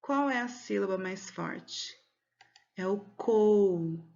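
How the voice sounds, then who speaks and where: Brazilian woman, schoolteacher, patient step-by-step explaining, stretches words slowly, slightly dull sound. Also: medium pitch, creaky. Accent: Brazilian Portuguese. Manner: stretches words out slowly to mark the stressed syllable. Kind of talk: recorded video lesson for children.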